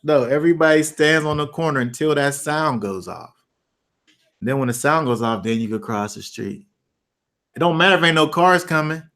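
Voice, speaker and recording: A man hosting a Bible study discussion, chatting casually and telling loose, animated stories, acting out scenes with playful sound effects. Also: a little high, normal speed. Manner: loose, rambling with restarts. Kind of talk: casual chat.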